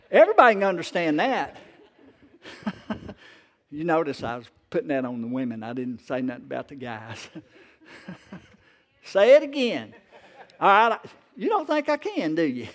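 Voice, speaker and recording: Joking pastor, slightly high voice. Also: male voice. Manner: joking, laughs often, calls for congregation response; reads scripture slowly and emphatically. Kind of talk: sermon.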